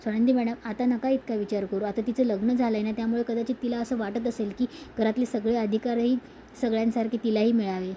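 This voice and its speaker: A woman voicing a caring young businessman husband who gently insists on having his way. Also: fairly high pitch, fairly even intonation, quick pace, a little hiss or hum, natural voice. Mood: gentle.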